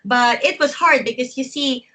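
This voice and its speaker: A woman's voice: high voice, moderate pace, pushed and bright, rough recording. A woman in her forties from the Philippines, a wrestler chatting as an interview guest and laughing often between phrases. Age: 40s. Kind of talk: casual interview chat.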